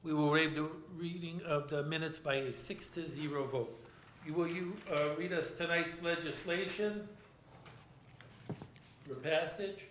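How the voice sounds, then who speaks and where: A man's voice: on the high side, steady tone, measured pace, fairly bright tone, slight background noise. An American man formally chairing a council meeting and running through procedure. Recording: echoey meeting room.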